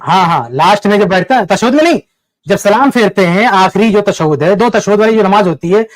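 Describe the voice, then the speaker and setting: A man's voice: high voice, expressive, no room sound. A man hosting a live debate call-in, pressing a caller with repeated, pointed questions.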